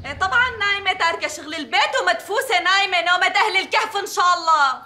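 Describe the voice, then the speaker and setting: Actress for a mocking Damascene girl, fast and shrill; faint music. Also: lively intonation, pushed and bright, reverberant, exaggerated voice. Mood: spiteful. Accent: Damascene Arabic. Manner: spiteful, mocking. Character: spiteful young daughter of the house.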